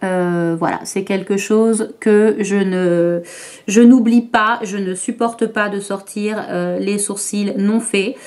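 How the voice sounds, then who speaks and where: A woman's voice: mid-range voice, fairly even intonation, slow, a little mellow. A woman vlogger talking through her makeup routine to camera, chatty and hesitant, with frequent fillers and restarts. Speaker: beauty vlogger. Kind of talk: makeup tutorial talk to camera.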